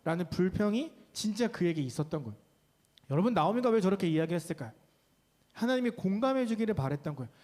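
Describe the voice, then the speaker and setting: A man's voice: high-pitched, sing-song, quick pace, darkish tone, long reverb tail. A man preaching a sermon as a pastor, voicing the people in his story with dramatic shifts in tone. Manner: acts out quoted speech with dramatic shifts. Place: church hall.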